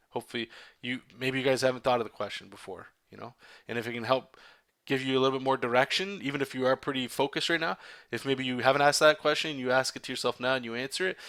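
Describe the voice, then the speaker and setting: This streaming artist, a man with a Canadian accent, chats candidly with viewers as he inks a comic, meandering and restarting sentences. His voice is mid-range and a bit bright, with no echo.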